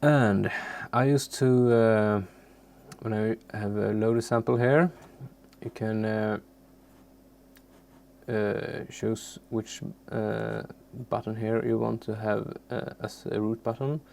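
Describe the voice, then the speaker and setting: A man whose first language isn't English gives an unscripted software tutorial, speaking haltingly as he hunts for words. His voice is lowish and level in tone, with some vocal fry.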